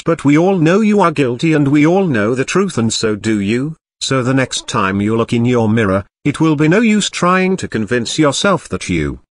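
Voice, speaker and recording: A man's voice: mid-range voice, no room sound. A man with an electronically disguised voice reading a stern, accusing scripted statement as an anonymous spokesman. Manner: stern, accusing, measured delivery. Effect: disguised voice, electronically altered.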